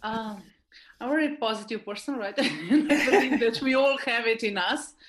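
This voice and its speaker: A Slovenian woman who is a leadership expert speaks as an interview guest with a Slovenian accent. Her voice is fairly high and animated at a moderate pace. She answers informally and often uses tag questions to check for agreement.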